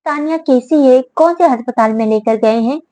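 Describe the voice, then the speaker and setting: A woman's voice: high-pitched, moderate pace, mellow, no echo, lightly acted. A woman voicing an alarmed young man in uniform, urgent and worried in an audiobook. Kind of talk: audiobook character voice.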